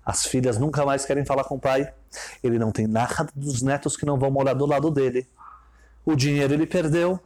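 A man with a Brazilian Portuguese accent giving a storytelling sermon as a religious teacher, stressing points by swinging his pitch up and down. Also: a little mellow.

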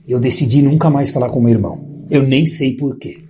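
A man with a Brazilian Portuguese accent gives a sermon as a religious teacher, telling a story and swinging his voice high and low, slowing down for emphasis. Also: mellow, a little hiss or hum.

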